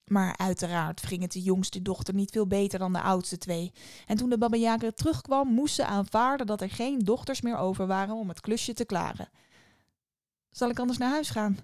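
Calm woman narrating a fairy tale. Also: mid-range voice, normal speed, dry recording, studio quality. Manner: calm, even storytelling. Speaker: podcast storyteller.

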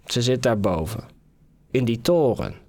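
A man's voice: mid-range voice, big pitch swings, a little slow, a little mellow. A man voicing an irritated, impatient old king in a storybook tale.

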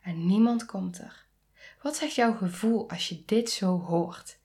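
A woman in her thirties hosting a podcast, speaking earnestly and intimately, often dropping into soft near-whispers and rising to emphatic pleas. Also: medium pitch, takes it slowly. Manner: rises to emphatic, pleading tones. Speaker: podcast host. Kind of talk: reflective podcast monologue.

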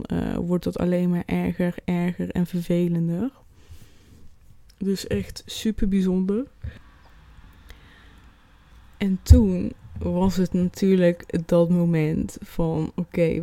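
Mellow, soft-toned woman vlogging at unhurried pace. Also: fairly low pitch, dry recording. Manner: halting, pausing mid-sentence to search for words. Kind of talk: casual vlog recounting an experience.

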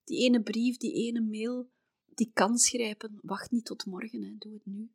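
A middle-aged Flemish woman from Belgium hosting a podcast, telling personal travel stories in a chatty way, often dropping to a soft near-whisper. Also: on the high side, steady tone, unhurried, no room sound, clean studio sound. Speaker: podcast host.

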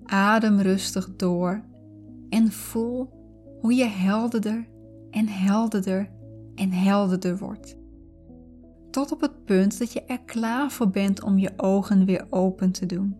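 A woman narrating a guided visualization in a calm, soothing, unhurried way. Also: medium pitch. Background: background music.

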